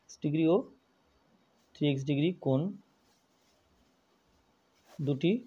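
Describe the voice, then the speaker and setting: A man's voice: a little high, level tone, a little slow, warm tone, husky, dull audio. A man teaching a math lesson, working through each step methodically and repeating it as he goes.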